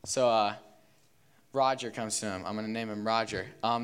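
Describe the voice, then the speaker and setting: A young man gives a casual sermon with a smooth, resonant voice at an ordinary pitch. He talks in a loose, filler-heavy way, like he is chatting with a youth group. He slips into little character voices to tell a story. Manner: relaxed, filler-heavy, acts out characters in a parable. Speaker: youth speaker.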